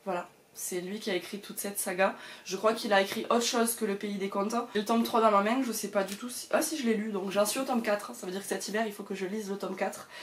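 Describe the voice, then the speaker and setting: A woman's voice: medium pitch, steady tone, a little fast, hardly any pauses, slight background noise. A woman chatting casually to the camera about her books at home, with lots of hesitations and fillers. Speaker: book vlogger.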